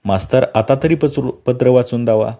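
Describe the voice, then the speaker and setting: A man's voice: medium pitch, normal speed, vocal fry, warm tone, muffled recording, lightly acted. A man voicing a humble, illiterate village father in a read-aloud story, asking politely for help. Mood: pleading.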